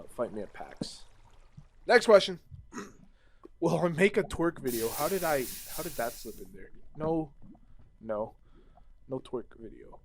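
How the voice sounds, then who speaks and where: A young gaming vlogger with a mid-range voice chats casually at home while playing a game, telling stories and answering viewer questions. He rambles and restarts sentences, and there's a little hiss or hum in the audio.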